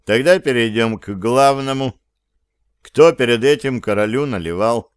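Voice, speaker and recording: A man's voice: mid-range voice, normal speed, clean tone, dry recording, clean studio sound, close to an everyday voice. A man voicing a stern, exasperated chief who scolds and questions his unruly team in an audiobook. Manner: scolding, interrogating.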